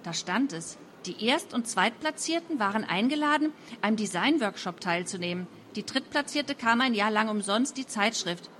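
A woman reading a first-person young adult novel aloud in a lively, wry storytelling manner. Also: fairly high pitch, moderate pace, few pauses, a little hiss or hum. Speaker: audiobook narrator.

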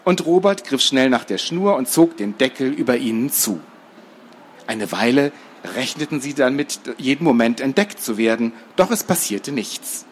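A man reads a children's storybook aloud with a lively, animated delivery that rises and falls freely. His pitch sits in the middle. A faint hum of room sound runs underneath. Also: moderate pace. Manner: lively, expressive reading. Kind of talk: reading a children's book aloud.

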